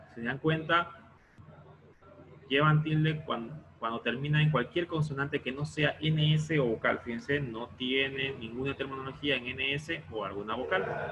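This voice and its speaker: A man's voice: mid-range voice, phone-quality sound, slight background noise. A male teacher explaining a lesson step by step in an online class, often stopping to check that students follow.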